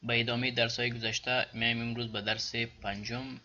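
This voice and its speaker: A man with an Afghan Dari accent, teaching German pronunciation and repeating example words slowly before explaining them. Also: medium pitch, flat delivery, sharp tone, muffled recording. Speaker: language teacher. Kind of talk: pronunciation lesson.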